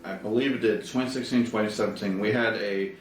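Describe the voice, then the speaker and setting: A man with a very low voice talks loosely in a casual interview, often breaking into laughs. He sounds set back from the mic in an echoey room, with a faint hiss underneath. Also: fairly even intonation, fast, recorded from a distance. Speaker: podcast guest, actor.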